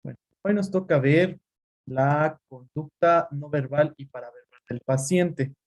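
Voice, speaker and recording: A man's voice: on the high side, measured pace. A man teaching a class over a video call, calling on students by name and explaining with examples. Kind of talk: online class lecture.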